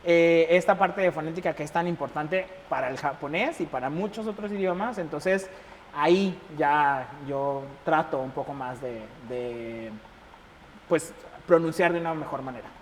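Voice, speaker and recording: Animated Mexican man in reverberant room. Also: fairly high pitch, moderate pace. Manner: animated, acts out quoted dialogue, laughs often. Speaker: embassy chef, interview guest. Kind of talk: casual interview storytelling. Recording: reverberant room with faint noise.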